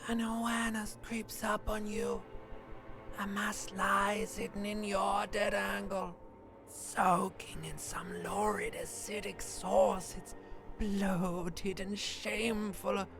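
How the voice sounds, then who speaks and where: A woman playing a sardonic, self-disgusted inner voice in a video game, taunting in a breathy near-whisper. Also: mid-range voice, flat delivery, slow pace, over music. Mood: creeping disgust.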